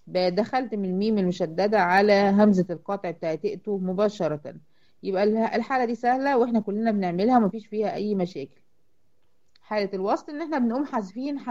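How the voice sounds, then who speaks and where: Brisk Egyptian woman teaching Quran recitation. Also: mid-range voice, darkish tone. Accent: Egyptian Arabic. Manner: explains step by step, asking and answering her own questions; slows right down to sound out words. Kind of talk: online tajweed lesson. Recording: dull lo-fi audio.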